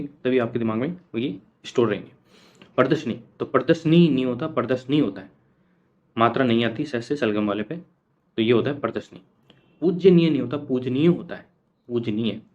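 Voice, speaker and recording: A man's voice: mid-range voice, dull audio. A man teaching an exam coaching lesson, repeating each answer and asking the class questions that he answers himself. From India.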